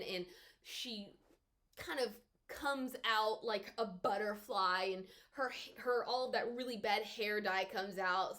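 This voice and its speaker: A woman from the American South giving a casual, chatty spoken book review with expressive pitch jumps.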